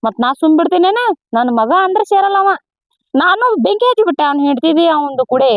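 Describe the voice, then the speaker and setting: Shrill, fast North Karnataka village woman. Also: animated, no echo. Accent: North Karnataka Kannada. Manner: quarrelsome, complaining. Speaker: mother in a village comedy skit. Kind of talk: scripted comedy skit dialogue.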